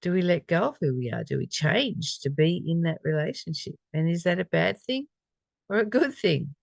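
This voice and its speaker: Moving back and forth between reading the text and reflecting on it informally, this spiritual study reader frequently repeats phrases and poses questions to the listener. The medium-pitched voice is gravelly with lively intonation at a normal speed, recorded dry with almost no room sound and no echo.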